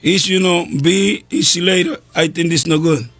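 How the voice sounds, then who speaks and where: Halting man interviewer, dry sound. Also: high-pitched, fairly even intonation, fairly bright tone, dry recording, faint music behind. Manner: halting non-native English, broken grammar. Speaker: pastor, interviewer.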